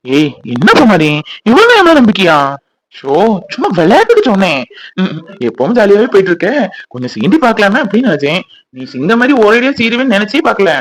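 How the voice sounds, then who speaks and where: A man's voice: high voice, very animated, fairly quick, rough recording. A man voicing a pleading playful husband. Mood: jokey. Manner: pleading, jokey.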